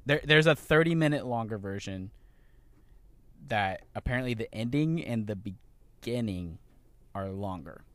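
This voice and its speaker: A young man co-hosting a podcast in casual chat, relaxed and laughing, sometimes trailing off quietly. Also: lowish voice, measured pace, long pauses, no echo. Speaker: podcast co-host.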